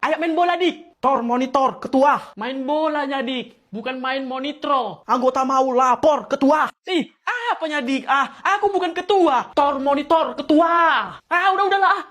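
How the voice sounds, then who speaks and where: A woman performing a comic sketch, switching between exaggerated, shouty village characters. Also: high voice, moderate pace, few pauses. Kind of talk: comic sketch with many voices.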